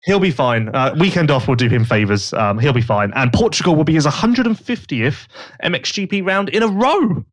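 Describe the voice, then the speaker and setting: At a normal speed and fairly high pitch, this man hosts a casual podcast chat. He spins gossipy, lively stories, imitating others in put-on voices when quoting them.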